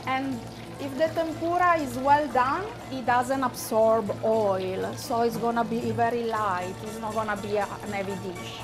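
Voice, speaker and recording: Italian-accented woman chef, high voice, patient and instructive, restaurant kitchen, music behind. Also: fairly even intonation, normal speed. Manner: patient, instructive, slightly broken English. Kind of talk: cooking demonstration. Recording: background music under the talk.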